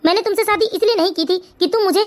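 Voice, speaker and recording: A very high voice doing a stern dutiful son. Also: very fast. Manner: earnest, turns stern and lecturing. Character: dutiful grown son and father, firm and stern. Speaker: cartoon character.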